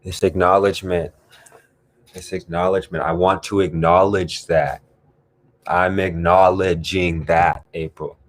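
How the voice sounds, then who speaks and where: A man hosting a guided group talk, speaking in a calm, drawn-out, reflective way with sighs. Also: low voice. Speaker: host leading a guided discussion. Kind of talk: slow meditative guided talk.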